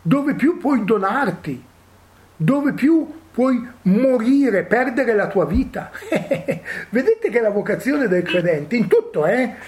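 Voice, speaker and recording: A man's voice: very high voice, very animated, slow, a little mellow. A man leading a Bible study, thinking aloud and checking in with listeners with frequent "eh?" and "no?". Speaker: Bible teacher.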